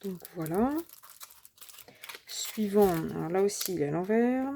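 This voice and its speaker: A woman hosting a crafting channel, chatting casually through a product review and often pausing to search for her words. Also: mid-range voice, lively intonation, background noise.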